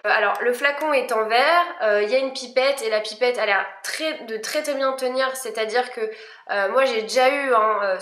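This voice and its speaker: A woman's voice: a little high, fairly bright tone, echoey room. A young woman chatting casually through a makeup review, full of fillers and restarts. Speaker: beauty vlogger.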